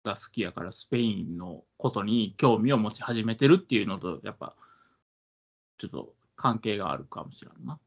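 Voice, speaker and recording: A man's voice: fairly low pitch, expressive, a little fast, breathy edge. A man with a Kansai accent co-hosting a casual podcast chat, easygoing and often searching for words. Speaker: podcast co-host. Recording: dull lo-fi podcast audio.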